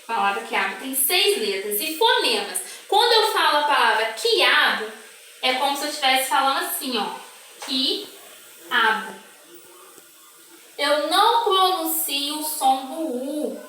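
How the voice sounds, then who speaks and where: A woman's voice: high voice, expressive, sharp tone. A Brazilian woman teacher explaining a lesson patiently to young children, drawing out her words and checking in often. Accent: Brazilian Portuguese. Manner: patient, drawn-out syllables, checks in with "tá?". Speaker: primary school teacher. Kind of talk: slow, careful classroom explanation. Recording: echoey room, far from the mic, faint background noise.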